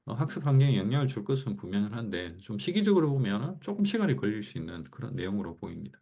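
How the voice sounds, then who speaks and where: This man, from Gyeongsang in Korea and carrying its accent, delivers a loose, conversational online class lecture, thinking aloud with lots of fillers. His voice is mid-range and a little mellow.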